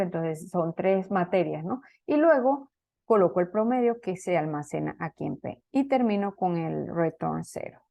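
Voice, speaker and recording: A woman with a warm, medium-pitched voice gives an online lecture on programming. She explains the code step by step, often restarting and using fillers, and regularly checks in with students by asking "¿ok?".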